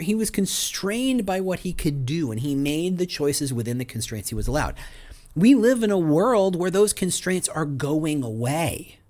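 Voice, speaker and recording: A man talks alone on his podcast, firing off rhetorical questions in a relaxed, chatty flow. His voice sits a little high for a man and swings widely in pitch, rising and falling often. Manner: lively, conversational, many rhetorical questions. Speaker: podcast host. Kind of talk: solo podcast monologue.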